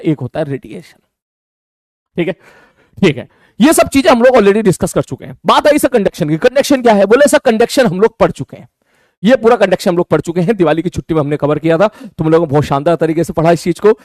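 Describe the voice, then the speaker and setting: A young man teaching a physics class, his voice pitched high for a man. He is chatty and joking, calls his students brother, and keeps repeating key phrases and answering his own questions. The sound is dry and close. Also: darkish tone, no echo. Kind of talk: casual online class lecture.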